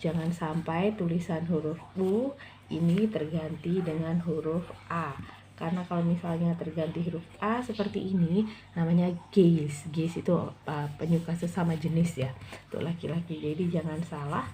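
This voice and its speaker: Woman teaching english, slow patient repeating, soft low voice. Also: a little hiss or hum. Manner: patient, repeats words slowly for drilling. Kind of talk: casual classroom explanation.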